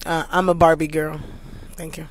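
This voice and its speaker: A playful man with a notably high voice, chatting casually on a livestream about astrology. He jokes around, slips into a mock flight-announcer tone, and speaks into a phone mic, with faint background noise around him. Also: level tone, moderate pace.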